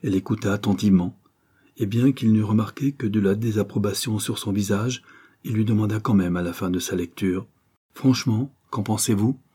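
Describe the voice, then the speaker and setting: A man narrating a novel in a measured, steady storytelling manner. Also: fairly low pitch, breathy edge. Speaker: audiobook narrator.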